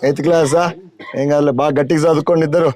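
A man talks quickly and in a high register, coaxing and familiar as he canvasses a village. He is recorded outdoors on a street, with a crowd of villagers chattering around him. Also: steady tone. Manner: familiar, coaxing, urging voters repeatedly. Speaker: campaigning politician. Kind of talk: door-to-door canvassing chat.

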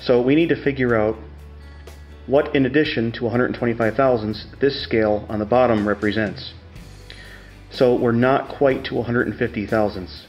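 Middle aged machinist guy explaining stuff step by step, casual, normal pitch, kinda dull camera audio. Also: steady tone, moderate pace, a little mellow, faint music behind. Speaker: tutorial host demonstrating measuring tools. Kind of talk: casual hands-on instructional explanation.

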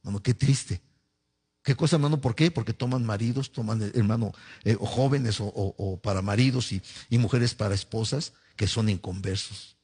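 A man's voice: on the low side, normal speed, darkish tone, breathy edge. A man preaching a fervent sermon in Mexican Spanish, often calling his listeners brother. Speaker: pastor.

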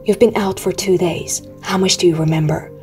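A woman voicing a young male satyr who is anxious and guilty, speaking softly and sniffling apologetically. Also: on the low side, steady tone, normal speed, soft background music, natural voice.

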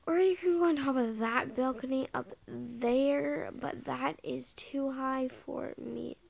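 This child's voice is high and slow, gravelly yet a little mellow. As channel owner she shows off her house in a handheld game, chatty but frequently dropping to a whisper mid-play, keeping the commentary casual.

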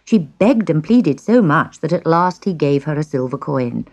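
A woman narrates a children's story with expressive, gently dramatic reading. Her voice sits a little low, moves a lot in pitch and has a gravelly edge. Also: normal speed.

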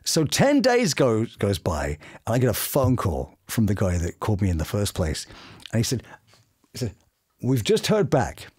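The guest, a middle-aged British voice actor, shares anecdotes in a casual interview from a small home studio indoors. His storytelling is dramatic and expressive, his voice fairly low, husky and at a normal speed.

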